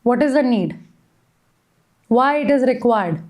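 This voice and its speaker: A woman with a North Indian accent and a high-pitched voice teaches a live online lesson. She repeats key phrases and keeps breaking off to check with short questions that students are following. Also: animated, measured pace, darkish tone. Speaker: biology teacher.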